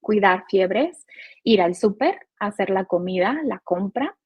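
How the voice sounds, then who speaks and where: Woman, 40s, Mexican accent, podcast guest, earnest, husky, dry recording. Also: medium pitch, lively intonation, slow, no room sound, highs cut off. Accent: Mexican Spanish. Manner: earnest, explanatory, uses many rhetorical "¿no?" tags. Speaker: guest, gender and care policy specialist. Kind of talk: podcast interview.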